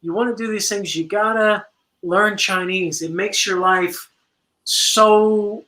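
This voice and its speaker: A man's voice: high-pitched, steady tone, sharp tone. A man hosting a casual interview, chatting and agreeing readily with his guest. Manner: agreeable, quick affirmations. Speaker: interview host.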